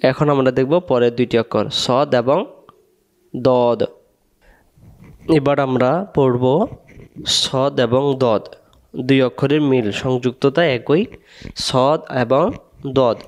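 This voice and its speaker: A man's voice: medium pitch, steady tone. A man teaching Quran reading, drilling Arabic letters syllable by syllable, drawing out each sound and asking learners to repeat after him. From Bangladesh. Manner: drawn-out syllables, asks students to repeat. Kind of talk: slow step-by-step letter drill lesson.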